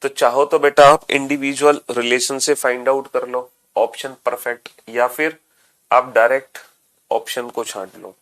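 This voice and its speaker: A man's voice: medium pitch, little pitch movement, moderate pace, fairly bright tone. A man teaching a class, explaining step by step, repeating each point and often calling his students "beta". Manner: repeats points, addresses students as beta, mixes English phrases. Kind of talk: classroom lecture.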